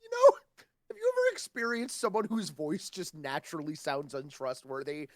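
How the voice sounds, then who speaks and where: A woman's voice: low-pitched, normal speed, no echo, studio quality. A woman chatting casually and playfully with a friend during a game stream. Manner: playful, jokey, expressive. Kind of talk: casual chat.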